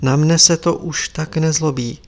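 A man's voice: on the high side, fairly even intonation, a little mellow, lightly acted. A man reading as an eager, chattering housewife. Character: kindly, fussing middle-aged woman. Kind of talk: audiobook character reading.

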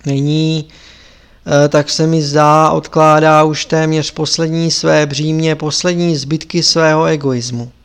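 A man reading an audiobook in a calm, measured narration. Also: fairly high pitch, clear, resonant tone.

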